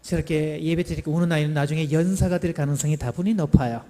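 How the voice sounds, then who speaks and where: A middle-aged male pastor preaching a lively sermon, playfully quizzing the congregation and having them repeat phrases after him. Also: fairly high pitch, fast. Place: church sanctuary. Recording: church hall reverb.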